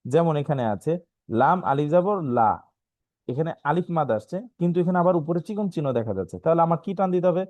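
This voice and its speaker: Bangladeshi guy teaching quran reading online, kinda high voice, dry close sound, keeps asking "right?". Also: lively intonation, darkish tone, dry recording. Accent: Bangladeshi Bengali. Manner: explains slowly, often asks "right?", spells letters out. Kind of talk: online lesson.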